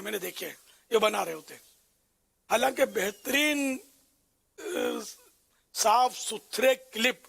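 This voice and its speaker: A man's voice: very high-pitched, creaky, a bit bright, husky. A man giving a conversational religious talk as a scholar, rambling and leaning on fillers.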